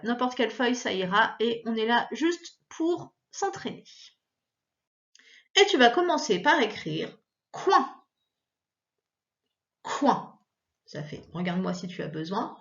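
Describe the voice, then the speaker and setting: A woman's voice: on the high side, a bit bright, highs cut off. A woman teacher leading a recorded reading lesson for children, patiently sounding out syllables one at a time. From France.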